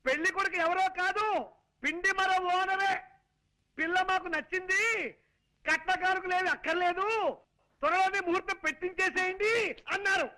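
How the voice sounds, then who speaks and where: An actor playing a flustered, put-upon young suitor in a film comedy scene, exasperated and wordy. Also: male voice, very high voice, fairly quick, pauses often, poor audio. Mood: comic, loud. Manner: exasperated, shouting to be heard, wordplay.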